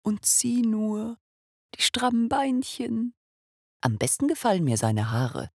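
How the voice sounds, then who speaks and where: A woman voicing an excitable male water sprite, a new father who breaks into high cries. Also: normal speed, creaky, husky, no echo, studio quality, full character voice. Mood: eager.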